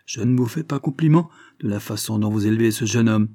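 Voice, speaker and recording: Storybook: man voicing a harsh, scornful old colonel, raised and accusing, husky edge. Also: fairly low pitch, brisk, dark tone, dry recording, close to an everyday voice. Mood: contemptuous. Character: stern old male colonel, contemptuous and quick to anger.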